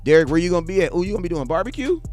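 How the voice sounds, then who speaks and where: A high, sing-song, darkish voice rattles along very fast over soft background music. The speaker is a sports fan host in his 40s, reading viewer comments on a live stream in slangy, loose chat, speaking straight to his audience and repeating himself for emphasis.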